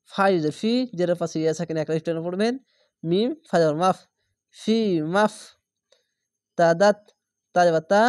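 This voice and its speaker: Male Quran tutor, dry close sound, letter-by-letter spelling, slow drawn-out recitation. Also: high-pitched, darkish tone, no echo. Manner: spells letters then draws out the whole word slowly. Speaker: Quran reading teacher.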